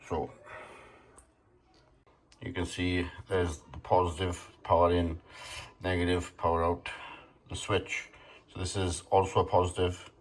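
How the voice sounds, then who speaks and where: Speaking low, a little slowly and with little pitch movement, a man leaves long pauses while showing a homemade gadget. He's a hobbyist in a shed and garden, partly outdoors, giving a casual, plain-spoken, matter-of-fact demonstration in short phrases.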